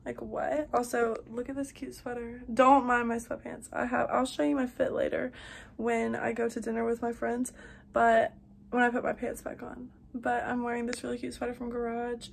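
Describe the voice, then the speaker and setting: A twenty-year-old woman vlogs casually, chatting upbeat to a phone camera held at arm's length in a car and a bedroom. Her voice is a little high, monotone and creaky at a moderate pace, with a slight hiss or hum. She's chatty and fills her talk with fillers.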